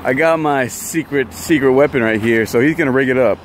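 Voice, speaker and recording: A young man hosting a fishing vlog outdoors by a pond, chatting and laughing, yelling when fish bite. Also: medium pitch, a little fast, a little hiss or hum. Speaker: fishing channel host. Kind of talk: excited outdoor vlog chat.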